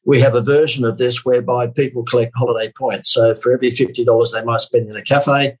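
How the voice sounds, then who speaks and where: Sarcastic Australian salesman with a husky voice. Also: medium pitch, fairly even intonation, quick pace, rough recording. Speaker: marketing guest. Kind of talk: casual podcast interview.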